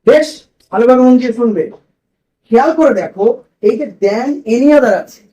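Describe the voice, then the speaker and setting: A man's voice: very high voice, moderate pace, mellow, muffled recording. A man teaching a grammar lesson to a class in a classroom, asking questions and repeating the students' answers.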